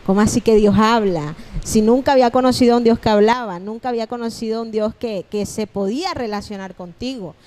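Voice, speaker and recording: Animated woman pastor telling testimony. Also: on the high side, quick pace, hardly any pauses, slight background noise. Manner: animated storytelling, acting out remembered dialogue. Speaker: pastor, podcast guest. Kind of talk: personal testimony in a podcast conversation.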